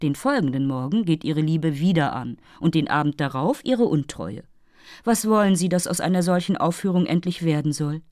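A woman's voice: sits low, normal speed, darkish tone, no echo, studio quality, close to an everyday voice. A woman voicing a haughty, moralizing female fairy who lectures and takes offense easily. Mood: scolding.

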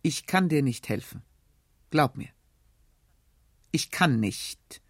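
A woman reading aloud as a weary older man, an uncle who refuses help in a low, heavy, resigned way. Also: measured pace, no echo, clean studio sound. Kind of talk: literary reading on radio.

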